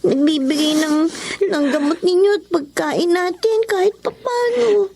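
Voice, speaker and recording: A woman's voice: very high-pitched, unhurried, gravelly, a little mellow, exaggerated voice. An actress playing a dutiful daughter pleading with her sick mother in a radio horror drama. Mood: worried. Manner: polite, pleading.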